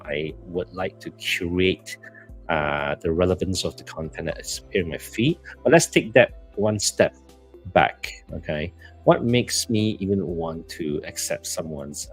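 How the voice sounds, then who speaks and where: A man with a Malaysian accent co-hosts a casual live stream, speaking hesitantly and rambling as he goes. His low voice carries vocal fry, and the recording is rough.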